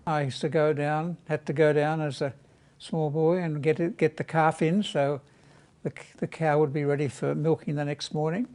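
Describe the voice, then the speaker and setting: A man in his eighties calmly recalling his childhood. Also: fairly high pitch, normal speed. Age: 80s. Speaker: oral history interviewee. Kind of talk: reminiscing.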